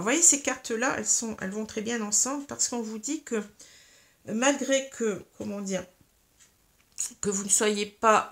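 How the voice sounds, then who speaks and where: A woman with a French accent and a gravelly, medium-pitched voice reads tarot cards for her viewers as a spiritual reading. She has hiccups and speaks hesitantly, full of fillers and tags like "hein" and "vous voyez".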